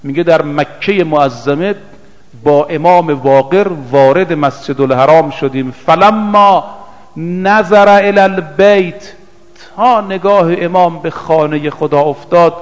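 High-voiced male preacher in an echoing hall. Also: a little mellow. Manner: recites Arabic narrations slowly, half-chanted, then explains in casual speech. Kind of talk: sermon.

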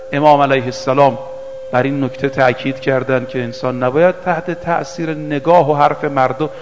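A man preaching a sermon, reciting scripture slowly in a half-chant and then explaining it in plain, casual speech. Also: high-pitched, in a large hall, a little hiss or hum.

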